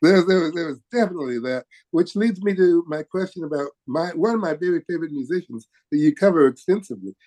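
A man's voice: a little high, animated, fast talker, hardly any pauses, darkish tone. A man hosting a radio interview, asking hesitant questions full of fillers. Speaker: radio music director and guest host.

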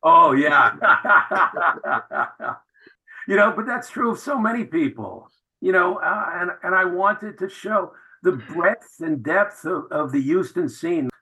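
A man's voice: high voice, expressive, slow, pushed and bright, poor audio. A man, a film director, answering radio interview questions with enthusiastic, anecdotal storytelling.

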